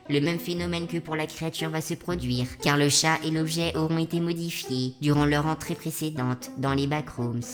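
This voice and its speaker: A woman's synthetic robot voice narrating as a deadpan robot vlogger in a measured, scripted way. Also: deep voice, close to an everyday voice. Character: deadpan robot vlogger, calm, darkly joking. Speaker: channel host. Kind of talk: scripted narration in a fictional vlog.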